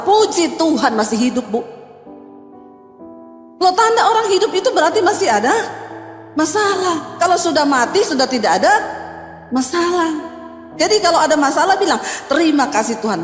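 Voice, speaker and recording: High-voiced woman preacher in an echoing hall. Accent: Indonesian with Javanese touches. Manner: animated preaching, swinging between loud and hushed; chatty, joking asides. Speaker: pastor. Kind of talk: sermon. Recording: echoey church hall with music.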